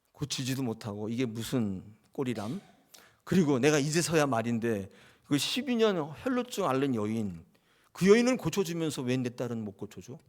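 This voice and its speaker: A man's voice: mid-range voice, darkish tone. A man voicing a grieving middle-aged father who complains with bitter resentment.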